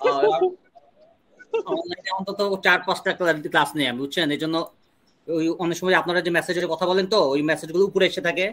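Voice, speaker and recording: A young man with a Bangladeshi accent teaching an online English class, slowly drilling questions and answers for students to repeat. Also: sits high, expressive, a bit bright. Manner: slow deliberate drilling of English sentences.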